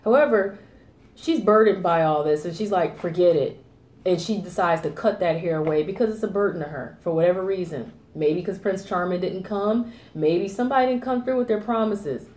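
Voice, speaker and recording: A woman with a mellow, fairly low voice talks through a tarot reading in a loose, rambling way. She circles back over the same points and leans on fillers. The room around her is echoey. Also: a little fast. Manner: rambling, repeats herself, lots of fillers. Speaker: tarot reader.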